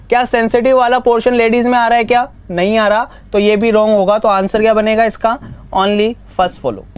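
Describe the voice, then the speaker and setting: A man teaching reasoning in a live exam-prep class, brisk and coaxing, mixing Hindi with English. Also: extremely high pitch, clear, resonant tone.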